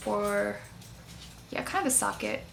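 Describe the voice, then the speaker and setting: A woman talks through a makeup tutorial in a casual, chatty way. Her mid-pitched voice has plenty of vocal fry, and she explains each step informally over faint background noise. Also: lively intonation, a little slow.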